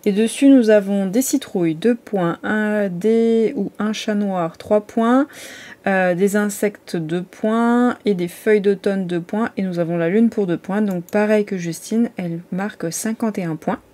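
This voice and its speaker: A woman talking through a casual vlog in a warm, mellow voice. She chats at an easy, medium pitch, full of little hesitations and restarts. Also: a little slow. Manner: chatty, hesitant, many fillers and restarts. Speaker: vlogger.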